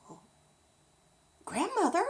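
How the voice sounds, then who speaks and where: A woman's voice: very high voice, takes it slowly, slight background noise, voice pushed up, exaggerated voice. A woman voicing a polite, earnest little girl in a bedtime story. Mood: calling, concerned. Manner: earnest, expressive.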